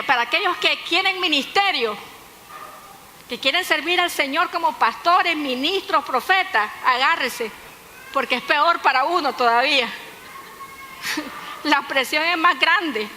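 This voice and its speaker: Bright high-voiced woman pastor. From Nicaragua. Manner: lively storytelling with humor and asides to the congregation. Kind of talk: sermon. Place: church hall. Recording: echoey hall with faint noise.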